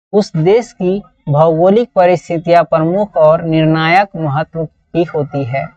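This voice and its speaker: Heard from a distance, this woman has a warm voice on the low side. She teaches political science with a Bihari accent, going through model answers for an exam in an instructive way and saying phrases over again. The room echoes, and the audio is dull and lo-fi.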